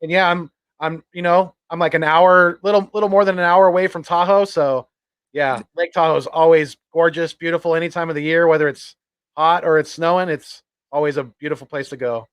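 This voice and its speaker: A man from Northern California, a guest YouTuber chatting casually on a podcast over a video call, upbeat and chatty with halting fillers. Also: fairly high pitch, fairly even intonation, clear, resonant tone, no echo. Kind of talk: casual sports podcast chat.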